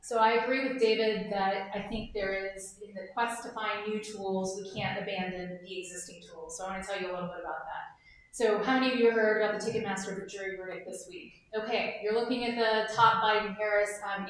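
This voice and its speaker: A woman's voice: mid-range voice, a little hiss or hum. A woman answering a forum question as a political candidate, confident and conversational, speaking to a live audience. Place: event hall with live audience. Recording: echoey room from a distance.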